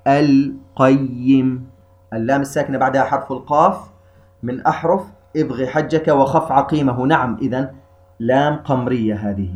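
Male teacher with a mid-pitched voice, steady and methodical, explaining recitation rules step by step. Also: dull audio. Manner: calm, methodical, slows sharply for recited verses. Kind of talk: explanatory tajweed lesson.

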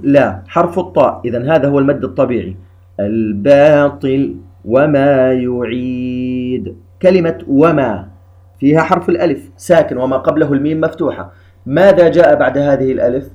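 A man teaching a tajweed lesson, calmly explaining rules and slowly drawing out recited examples. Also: mid-range voice, highs cut off. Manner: calm explanatory, slow drawn-out recitation of examples.

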